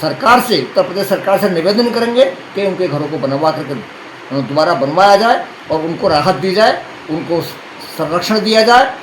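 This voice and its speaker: Brief: man, slightly high voice, formal earnest protest, echoey noisy room. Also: moderate pace, a bit bright. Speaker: party official giving a statement. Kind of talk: speaking to a reporter.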